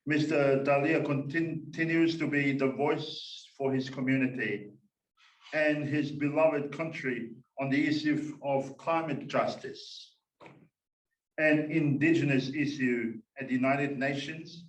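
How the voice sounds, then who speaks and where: A man from Tonga, a minister, opens a conference workshop in a slow, measured way, pausing often as he speaks. His voice sits in the middle range and rings through an echoey room, picked up from some distance. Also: medium pitch, lo-fi sound. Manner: slow and measured, many "uh" pauses. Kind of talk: formal welcome and speaker introduction.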